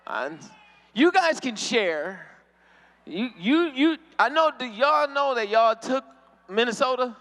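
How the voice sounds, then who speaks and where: On a convention hall stage, a male stand-up comedian teases the crowd and laughs often. His voice is extremely high and a bit bright, with lively intonation and a slow delivery.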